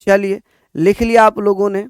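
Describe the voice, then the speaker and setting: A man from northern India teaching an exam-prep lecture, repeating points slowly for students to write down. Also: high voice, level tone, smooth, no echo, clean studio sound. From Uttar Pradesh, India. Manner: addresses students as bhaiya, repeats points for dictation.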